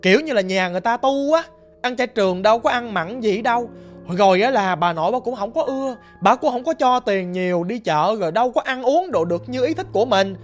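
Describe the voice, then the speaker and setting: A woman with a Southern Vietnamese accent telling a ghost story in a lively, emphatic, conversational way. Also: a little high, a little fast, faint music behind.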